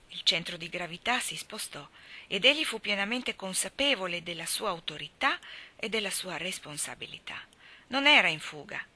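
A woman reading literary fiction aloud, her narration soft and hushed, often sinking into near-whispers. Her voice is very bright and crisp. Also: on the low side. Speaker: reader.

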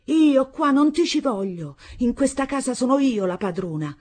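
A woman voicing a fierce young stepmother in a literary audiobook, husky and screaming in shrill outbursts. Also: very animated, moderate pace, darkish tone. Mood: furious.

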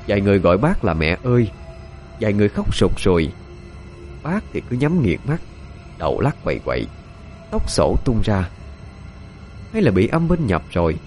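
A man narrating a ghost story in an expressive, dramatic way. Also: lowish voice, moderate pace, pauses often, soft background music.

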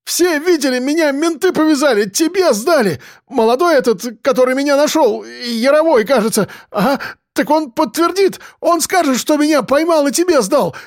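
A man voicing a desperate, bitter young male drug addict who shouts accusations and pleads. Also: very high voice, lively intonation, moderate pace, few pauses, no echo, clean studio sound, voice pushed up. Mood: panicked.

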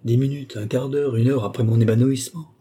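A man's voice: mid-range voice, fairly even intonation, brisk, mellow, breathy edge, natural voice. Lorenza, a haunted young woman read by a man. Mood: pleading. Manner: urgent, dramatic first-person telling. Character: distraught young woman recounting a dark abduction.

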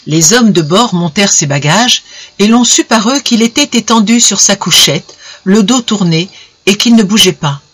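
A reader narrating a classic short story in a measured, expressive way. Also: mid-range voice, breathy edge. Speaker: audiobook reader. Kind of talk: literary narration.

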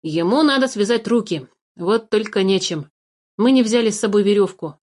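A woman's voice: medium pitch, moderate pace, a little mellow, natural voice. Blunt wry changeling boy read by a woman, storybook voice.

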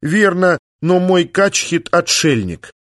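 A man doing a bright, mischievous young woman. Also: sits high, animated, no echo, studio quality, voice pushed up, full character voice. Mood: eager. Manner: quick, eager, teasing. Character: lively young woman biologist, bold and mischievous. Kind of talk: audiobook reading.

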